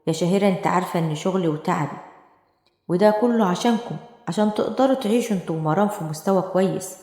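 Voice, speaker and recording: A woman's voice: fairly low pitch, rapid-fire, darkish tone, close to an everyday voice. Woman reading as a greedy male lawyer. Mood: defensive. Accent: Egyptian Arabic. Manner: defensive, impatient. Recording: echoey room with long reverb.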